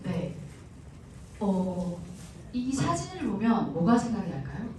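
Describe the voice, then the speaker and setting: A woman's voice: medium pitch, big pitch swings, slow, warm tone, distant mic. Woman speaking in an echoey hall. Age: 30s. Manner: chatty, poses questions to the audience. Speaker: seminar speaker. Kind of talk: motivational seminar talk. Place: large hall.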